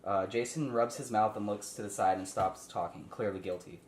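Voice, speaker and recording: With a voice on the low side and a slightly quick pace, a man runs a casual table read, reading stage directions aloud and explaining informally. The room sounds echoey, with faint noise.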